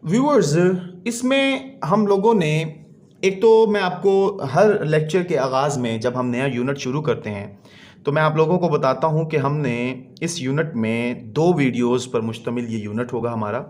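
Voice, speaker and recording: A man teaching a children's English lesson online, explaining in Urdu and reading English sentences out slowly. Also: a little high.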